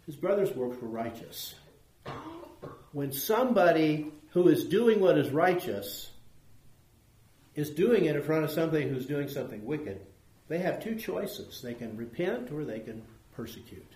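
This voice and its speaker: Questioning Bible teacher in an echoey room. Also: male voice, fairly high pitch, lively intonation, moderate pace, warm tone. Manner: asks questions of listeners.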